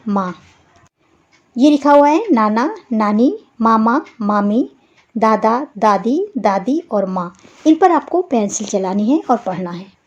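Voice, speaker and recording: A woman teaching a young children's class lesson, explaining slowly and patiently and spelling out words one by one. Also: a little high, darkish tone, dull audio.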